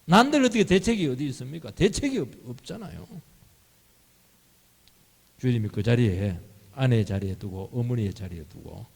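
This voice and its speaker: Male pastor, sermon delivery, lively pitch, husky voice, long church reverb. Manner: animated, acts out dialogue in shifting voices. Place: church sanctuary.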